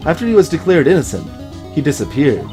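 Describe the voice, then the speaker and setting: A fast-talking man with a slightly high, mellow voice and huge pitch swings reads game dialogue with dramatic flair during a let's play. Playful, wry asides punctuate the reading, over soft background music.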